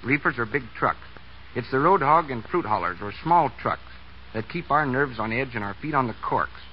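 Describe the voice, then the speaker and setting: A medium-pitched, animated voice belongs to an American bus driver, guesting on a scripted 1930s radio interview and speaking at a moderate pace. He's plainspoken and folksy. The old broadcast sounds muffled and noisy.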